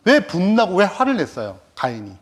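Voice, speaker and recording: Husky, high-pitched man teaching Scripture. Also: wildly swooping pitch, moderate pace. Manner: rhetorical questions, answering himself. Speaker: Bible teacher. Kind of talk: Bible study lecture.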